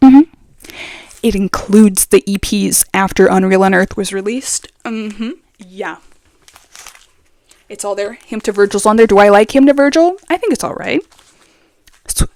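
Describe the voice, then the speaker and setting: A woman's voice: medium pitch, normal speed, a little mellow. A young woman vlogger chatting casually and with strong opinions, full of fillers, speaking very close to the microphone. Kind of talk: casual chat. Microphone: very close to the mic.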